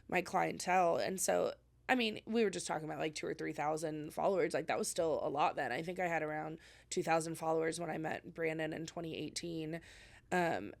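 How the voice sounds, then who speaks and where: A woman's voice: low voice, gravelly. A young woman, co-hosting a podcast in casual, rambling chat full of fillers. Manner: chatty, rambling with many fillers. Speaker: podcast co-host.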